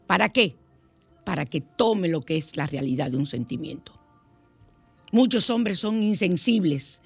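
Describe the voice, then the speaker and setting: In a radio studio, a middle-aged woman with a Caribbean accent hosts a talk and advice show as a counselor. Her mid-range voice brings lively, animated stories to life, and she plays with different voices as she tells them.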